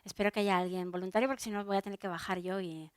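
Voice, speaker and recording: A woman's voice: medium pitch, fairly even intonation, very fast, clear, resonant tone, dry recording, clean studio sound. A woman from Spain with a Spanish accent, a soprano giving a chatty public talk and speaking straight to her audience, with many fillers and restarts.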